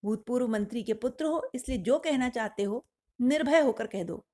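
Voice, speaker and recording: A woman's voice: a little high, normal speed, a little mellow, close to an everyday voice. A woman voicing a stately lion king. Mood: gracious.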